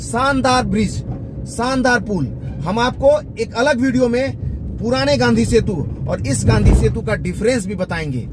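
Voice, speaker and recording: High-voiced man narrating a car ride. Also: a little slow. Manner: running commentary while driving. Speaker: local news reporter. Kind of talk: on-the-road video report. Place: inside a moving car on a bridge, outdoors at the end. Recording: road and traffic noise.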